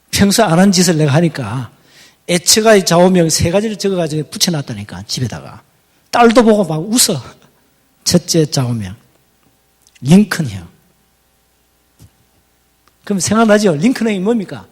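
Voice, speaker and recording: A middle-aged pastor, preaching a folksy, teasing sermon. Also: male voice, high voice, big pitch swings, normal speed, pauses often, slightly rough, long reverb tail. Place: church hall.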